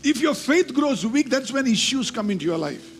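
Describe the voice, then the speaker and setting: In a very high-pitched, sing-song voice at normal speed, a man preaches from scripture. His sermon is emphatic and full of repeated key phrases, with scripture reading and call-and-response throughout.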